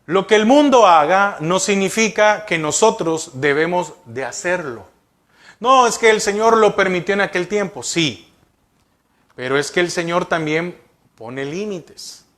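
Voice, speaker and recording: A man's voice: high voice, animated, unhurried, a bit bright. A male pastor preaching a sermon, asking the congregation rhetorical questions.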